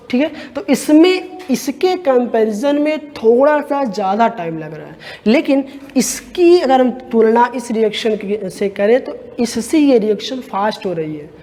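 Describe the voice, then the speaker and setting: A man teaching a chemistry lecture to students. He asks rhetorical questions, answers them himself, and drags out key terms slowly. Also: very high voice, darkish tone. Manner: calls listeners 'bhaiya'. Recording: long hall reverb.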